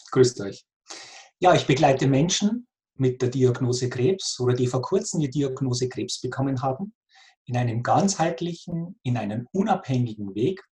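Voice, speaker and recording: A man in his forties from Lower Bavaria, Germany, speaks with a Lower Bavarian accent and a darkish tone. As an interview guest he explains his work conversationally and earnestly, repeating phrases for emphasis.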